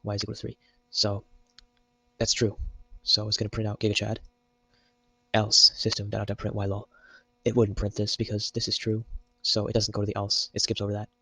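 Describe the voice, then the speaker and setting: A man's voice: on the low side, completely flat delivery, fairly quick, bright, forceful tone, breathy edge, no echo, low-quality recording. A young man giving a casual, joke-filled programming tutorial while typing at his computer. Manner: jokey, meme-filled explaining. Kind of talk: casual screen-recorded coding tutorial.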